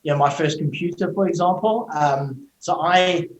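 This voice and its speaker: This tech executive guest, a middle-aged man with a South African accent, speaks at a normal pace in a fairly high voice, giving fluent explanations on a video call and leaning on "you know." The sound is echoey, with the highs cut off and slight background noise.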